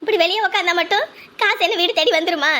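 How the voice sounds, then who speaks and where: A scolding, weary mother in a family drama, played by a woman. Her voice sits very high and she talks sternly. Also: fast, sharp tone. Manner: scolding, then soothing. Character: weary mother lecturing her indebted grown daughter. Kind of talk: family web drama acting.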